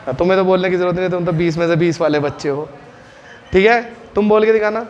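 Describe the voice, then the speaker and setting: A man teaching a classroom lesson, drilling his students with quick questions and getting them to answer out loud. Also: sits high, fairly even intonation, highs cut off, a little hiss or hum.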